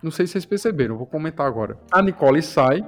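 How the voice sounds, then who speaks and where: Guy hosting a movie chat, slightly high voice, keeps asking "what happens?" and answering himself. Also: racing, faint music behind. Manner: animated storyteller, asks rhetorical questions. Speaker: podcast host. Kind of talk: casual film discussion.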